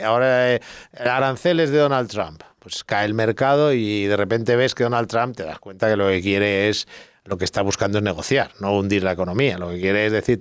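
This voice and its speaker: A man's voice: lowish voice, dry recording, studio quality. A middle-aged man, a guest expert who explains at length, telling anecdotes and thinking aloud in a casual podcast chat.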